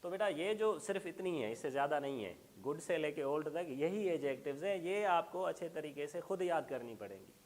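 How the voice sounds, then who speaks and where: Middle-aged man, grammar teacher, patient explainer, slightly raised pitch. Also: animated, brisk, few pauses. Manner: explains patiently, calls students "beta", mixes English terms in. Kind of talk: classroom grammar lesson.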